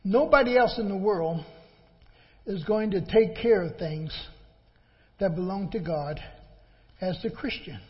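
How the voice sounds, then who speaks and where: A man preaching a sermon in a lecturing, admonishing manner, repeating phrases and asking rhetorical questions. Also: high-pitched. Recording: muffled, in a large reverberant hall.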